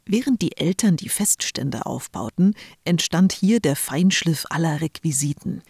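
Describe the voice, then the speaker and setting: A woman narrating a children's Christmas story as an audiobook, in calm, even storytelling. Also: sits low, unhurried, husky, no room sound, studio quality.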